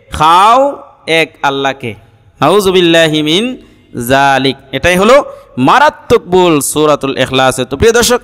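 A Bangladeshi man gives a Quran pronunciation lesson in a fairly high, smooth and clear voice. He speaks slowly and deliberately, stretching out each Arabic sound he explains. His words ring out with a long reverb, as if spoken in a hall. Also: fairly bright tone. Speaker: Quran recitation teacher.

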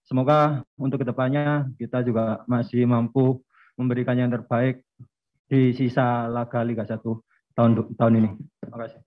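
A man's voice: medium pitch, little pitch movement, moderate pace. A man, a football player, giving formal and grateful answers at a post-match press conference. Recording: dull lo-fi sound.

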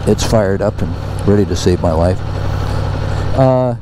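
A man's voice: on the low side, unhurried, noisy background. A man giving casual running commentary while he fuels his motorcycle outdoors at a fuel station. He talks in a wry, self-mocking way, full of chatty asides. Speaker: motorcycle vlogger.

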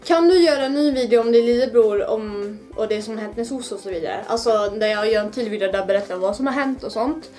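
A woman's voice: a little high, hardly any pauses, warm tone, soft background music. Giggly young Swedish woman vlogging. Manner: giggly, nervous, swears freely. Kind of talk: casual challenge vlog. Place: home, then outdoors by her car.

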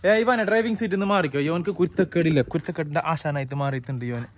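Fast-talking vlogger man. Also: fairly high pitch. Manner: chatty, breaks off to call to his kids. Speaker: family vlogger. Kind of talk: casual family vlog chat. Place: at home and in the family car.

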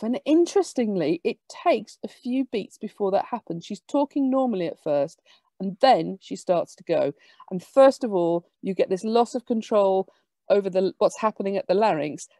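Woman, academic lecture, mellow warm tone, lively explaining, dry close sound. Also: mid-range voice, dry recording. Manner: lively, explanatory, quick asides.

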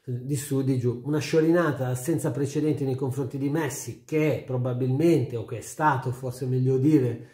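Mellow middle-aged man, roomy sound. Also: medium pitch, steady tone, normal speed, few pauses. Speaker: YouTube sports commentator. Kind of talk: casual opinion vlog to camera. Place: small furnished room at home, indoors. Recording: roomy indoor echo.

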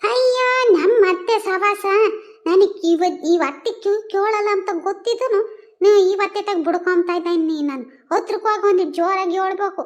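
A very high-pitched woman plays a village daughter-in-law in a comedy sketch. She talks in an exclaiming, grumbling way. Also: steady tone, fairly quick. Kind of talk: rural comedy sketch dialogue.

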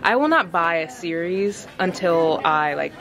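A woman's voice: lowish voice, lively intonation, unhurried. A young woman hosting a casual vlog while book shopping, chatty and giggly, recorded in a bookstore. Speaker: vlog host.

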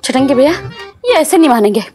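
A bossy, excitable wife in a TV sitcom. She barks orders in a very high, swooping voice. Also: quick pace, faint music behind. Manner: bossy, giving orders, shrieking. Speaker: sitcom wife and mother character. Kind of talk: TV sitcom acting.

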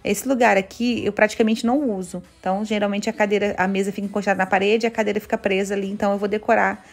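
A woman's voice: mid-range voice, steady tone, fast. A Brazilian woman with a Brazilian Portuguese accent, chatting enthusiastically as she shows home decorations, gushing over each item. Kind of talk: casual chat. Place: home kitchen, indoors.

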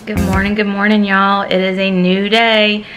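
A woman's voice: mid-range voice, level tone, moderate pace, loud music behind the voice. A middle-aged woman, chatting casually and folksily to camera as a vlogger. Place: car interior and home rooms. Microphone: camera at arm's length. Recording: noisy car and air-conditioning hum.

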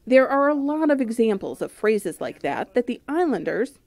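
A woman's voice: fairly high pitch, sing-song, normal speed, a little mellow. A woman reporter reading scripted narration for a news feature.

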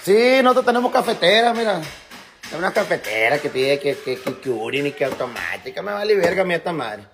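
A man's voice: fairly high pitch, big pitch swings, fairly quick, fairly bright tone. Joking, foul-mouthed man. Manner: joking, profane, teasing. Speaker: family vlogger. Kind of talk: casual home vlog chat.

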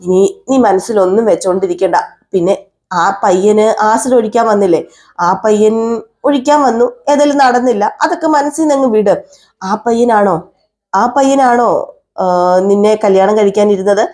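A woman's voice: medium pitch, moderate pace, a little mellow, natural voice. A woman voicing a brave, protective young woman who earnestly lectures and reassures a frightened friend. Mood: reassuring.

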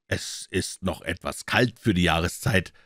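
A cool-headed, sharp detective, read by a man who answers with polite calm. His voice is deep and even. It is recorded dry and close. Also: measured pace, dry recording. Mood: unruffled.

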